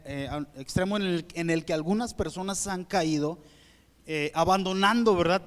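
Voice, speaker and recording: A man with a Mexican accent preaching a sermon to his congregation in a church auditorium, talking conversationally and often checking that they agree. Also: sits high. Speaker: pastor. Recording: long reverb of a church hall.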